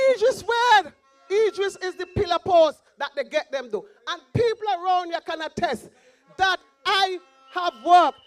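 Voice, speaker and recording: A woman with a Montserrat accent giving an impassioned, pleading rally speech as a political candidate, repeating her slogans. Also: extremely high pitch.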